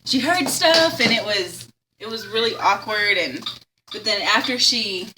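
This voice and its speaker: A woman's voice: medium pitch, lively intonation, unhurried, noisy background. A young woman, casually telling a spooky story on the radio, chatty and giggly, acting out the voices she quotes. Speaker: caller telling a ghost story.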